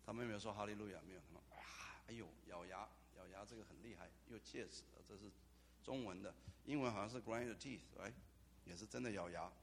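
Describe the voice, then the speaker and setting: A man preaching a sermon as pastor, animated, with dramatic asides. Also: fairly low pitch, fast, a little hiss or hum. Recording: long hall reverb.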